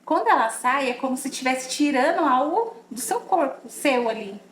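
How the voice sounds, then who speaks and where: A woman hosting a podcast in casual conversation, telling lively stories and acting out what she once said. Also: high voice, normal speed, a little hiss or hum. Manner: animated storytelling, often acting out her own past words. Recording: echoey room.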